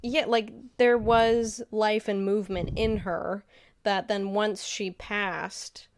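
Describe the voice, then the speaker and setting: A woman's voice: mid-range voice, fairly even intonation, slight background noise. Musing woman podcast co-host. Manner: reflective, musing, many pauses and "um"s. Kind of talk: casual chat.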